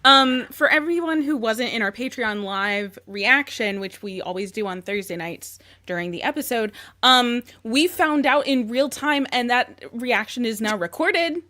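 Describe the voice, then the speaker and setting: A young woman co-hosts a live podcast chat, excitable and drawn out. Her voice sits high and bright. She talks slowly, stretching her words. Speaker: podcast co-host. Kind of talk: casual live-stream chat.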